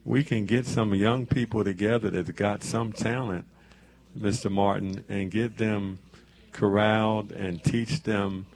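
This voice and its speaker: A man's voice: on the low side, fairly even intonation, measured pace, darkish tone. A man in his seventies hosting a church radio show from the studio, talking in an easy preacherly way and dropping amens as he goes. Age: 70s. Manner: preacherly, peppers talk with amens. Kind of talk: casual church radio talk.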